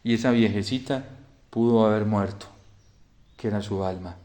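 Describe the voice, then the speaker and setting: A male priest preaching a homily in a storytelling manner, often falling to a quiet hush. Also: on the low side, normal speed. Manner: storytelling, drops to a soft hush in quoted lines.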